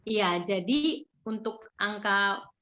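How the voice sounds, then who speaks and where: A woman's voice: medium pitch, animated, slow pace, bright, forceful tone. A woman teaching a live online German lesson, patiently correcting pronunciation step by step.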